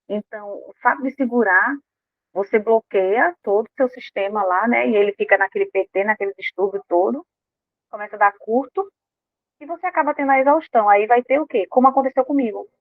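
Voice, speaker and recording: A woman's voice: fairly high pitch, fairly quick, dry recording. Woman talking over a tinny line. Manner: animated, acts out quoted inner voices. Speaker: speaker on emotional health. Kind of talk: informal talk to a live audience. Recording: dry, tinny phone-like sound.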